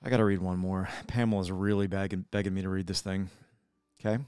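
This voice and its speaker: A man's voice: low voice, little pitch movement, quick pace, darkish tone, clear, resonant tone, soft background music. A man co-hosting a live stream, reading viewer comments and corny jokes with playful timing. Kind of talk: casual live-stream banter.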